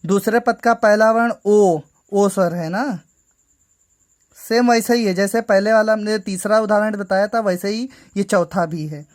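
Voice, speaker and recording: A woman explains a grammar lesson to students, step by step. She talks patiently at a medium pitch, stops often to check they have understood, and repeats each point. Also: unhurried, darkish tone. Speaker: teacher.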